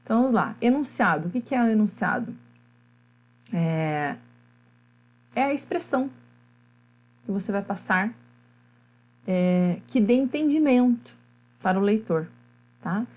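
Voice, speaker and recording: A woman with a Brazilian Portuguese accent teaching an online grammar class. She explains step by step, often checks in with her students and pauses on fillers while she thinks. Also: mid-range voice, expressive, lo-fi sound.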